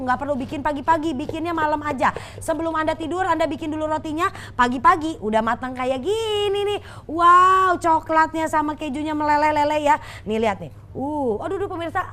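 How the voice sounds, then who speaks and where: Super high voiced woman doing an infomercial, urgent hard sell, talking right at viewers. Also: a bit bright, a little hiss or hum. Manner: urgent, exclamatory, addresses viewers directly. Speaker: shopping show presenter. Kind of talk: infomercial sales pitch, live home-shopping.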